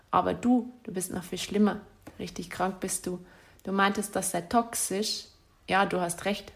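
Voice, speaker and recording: Her mid-range voice touched with vocal fry, a jilted ex-partner reads out the letter she penned to her former partner, hurling bitter accusations and insults.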